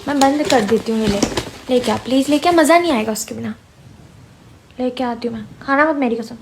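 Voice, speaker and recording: A woman acting in a casual comedy sketch, pleading and bickering in a playful way. Her voice sits high. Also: fairly quick, gravelly.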